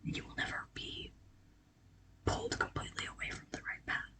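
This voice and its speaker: Gently reassuring, an ASMR creator delivers a whispered pep talk of scripture and affirmations in a breathy, casual, halting way.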